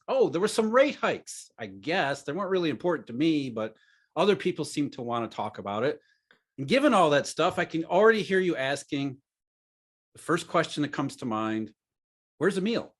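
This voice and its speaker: A man hosting a casual financial podcast, making dry, sarcastic jokes and asides. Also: mid-range voice. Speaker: podcast host.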